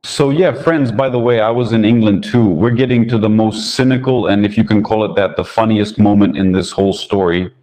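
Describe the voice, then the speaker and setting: Sarcastic low-voiced man commenting. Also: steady tone, brisk, hardly any pauses, mellow. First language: Russian. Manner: sarcastic, indignant. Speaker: political commentator. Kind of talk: scripted commentary monologue.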